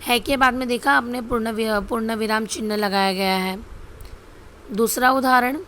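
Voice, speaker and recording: A woman's voice: fairly high pitch, steady tone, normal speed, fairly bright tone, a little hiss or hum. A woman teaching a grammar lesson over slides, repeating herself and asking questions she answers herself. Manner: repetitive, asks rhetorical questions and answers them.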